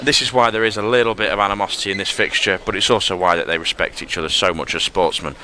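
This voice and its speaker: A man commentating live on a racket sport, chatty and quick to get excited on big points. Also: fairly low pitch, rough recording. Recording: loud crowd and background noise.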